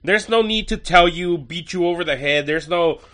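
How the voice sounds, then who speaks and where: Stuffy and slightly nasal from a cold, this podcast host still runs through an episode review with chatty enthusiasm and wry side comments. His bright, forceful voice sits a bit higher than the typical man's, and he talks at a normal pace.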